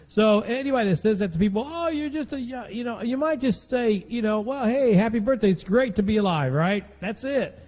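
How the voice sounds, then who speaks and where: A man in his late fifties talks through his podcast in a loose, folksy ramble, circling back and repeating phrases. His voice sits a little high for a man. The sound rings with a long reverb. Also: darkish tone. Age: 50s. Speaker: podcast host. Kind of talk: casual monologue podcast.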